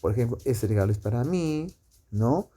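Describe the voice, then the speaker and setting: A man teaching a grammar lesson, explaining slowly with many fillers and tag questions. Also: mid-range voice, animated, mellow.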